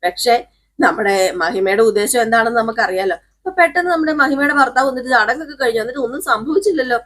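A woman's voice: on the high side, lively intonation, fast, fairly bright tone. A woman casually retelling a television serial, with chatty asides to listeners. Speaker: serial recap narrator. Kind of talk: casual storytelling recap.

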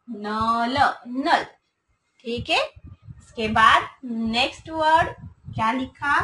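Slow, patient kindergarten teacher woman. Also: high-pitched, pushed and bright, a little hiss or hum, low-quality recording. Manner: slow, patient, repeating each word for children to follow. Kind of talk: online class for young children.

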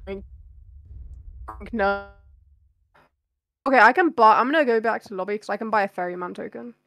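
Playful, loud woman gaming buddy. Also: medium pitch, brisk, faint music behind. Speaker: co-player friend. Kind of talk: casual chat while gaming.

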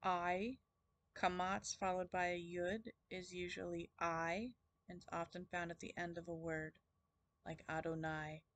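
A woman teaching Hebrew vowels in a recorded lesson, sounding out each vowel slowly and carefully. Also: lowish voice, level tone, no echo.

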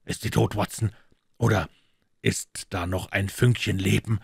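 A man reading a brisk commanding detective. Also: lowish voice, steady tone, creaky, breathy edge, no room sound, studio quality, exaggerated voice. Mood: urgent. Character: urgent, commanding male detective. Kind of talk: audiobook character voice.

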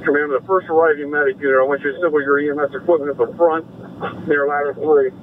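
A man's voice coming through a tinny two-way radio, fading in through static, giving clipped, businesslike orders to fire crews as incident commander. His pitch sits a little high for a man, and a faint hiss of static runs under the narrow, phone-like sound. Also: steady tone, fast.

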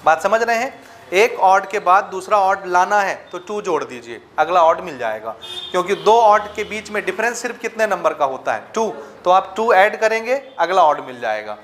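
High-voiced maths teacher, man. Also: expressive, a bit bright, slight background noise. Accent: Hindi-speaking Chhattisgarh. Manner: checks understanding with frequent rhetorical questions; mixes Hindi with English maths terms, dictating slowly. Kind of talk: classroom lecture.

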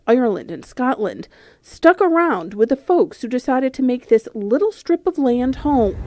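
A woman's voice: fairly high pitch, dark tone, no echo. A woman reporter reading scripted narration for a news feature.

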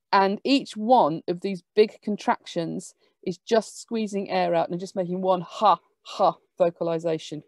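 A woman giving an academic lecture, explaining lively with quick asides. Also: lowish voice, dry recording.

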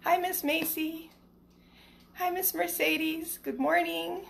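A middle-aged elementary school teacher takes it slowly, her very high, fairly bright voice showing vocal fry and fairly even intonation. She does a casual livestream chat and picture-book read-aloud for children indoors in a small living room. It's a home phone recording at arm's length with some background noise.

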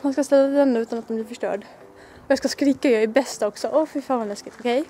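A woman's voice: a little high, mellow, slight background noise. A young woman with a Swedish accent, chatting nervously and giggling through a casual challenge vlog, swearing freely, filmed on a camera mic at home and outdoors. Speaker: vlogger. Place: home, then outdoors by her car.

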